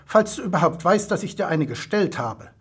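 A man's voice: high voice, animated, a little fast, husky, voice pushed up, exaggerated voice. A man voicing a pushy, stubborn young kobold girl in an audiobook, needling and insistent. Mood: challenging.

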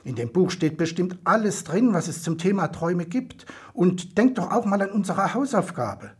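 A man's voice: high-pitched, lively intonation, normal speed, a little mellow, slightly rough, pitched above the performer's own voice, exaggerated voice. A man voicing a pushy, stubborn young kobold girl in an audiobook, needling and insistent. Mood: eager.

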